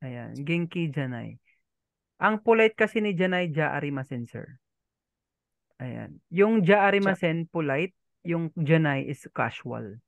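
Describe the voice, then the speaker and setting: A male teacher leads a language lesson with a gravelly, fry-tinged voice pitched a little above usual. He is patient and polite, repeating phrases and checking that his students follow. The sound is dry and close. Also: lively intonation, unhurried, dry recording.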